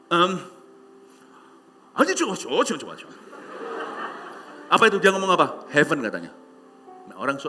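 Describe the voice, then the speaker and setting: Animated pastor preaching. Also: male voice, on the high side, slight background noise. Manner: animated, acts out voices with shouts and hushed asides. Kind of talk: sermon with storytelling.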